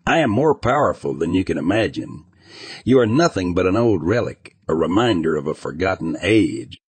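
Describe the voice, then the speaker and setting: A man's voice: low-pitched, lively intonation, moderate pace, slightly rough, no echo. A man voicing an arrogant, cruel male sorcerer in an audiobook, speaking with a sneering, taunting manner.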